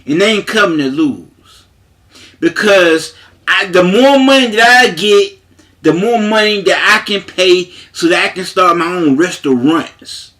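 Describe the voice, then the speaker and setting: A man's voice: high-pitched, a little slow, sharp tone. A man speaking in a casual, emphatic monologue as a paralegal, repeating himself and using frequent fillers, with a way of talking.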